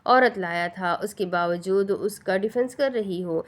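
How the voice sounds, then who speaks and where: A woman voicing an indignant mother of three who shouts her accusations. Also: medium pitch, lightly acted. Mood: furious. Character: furious mother of three, confronted and cornered.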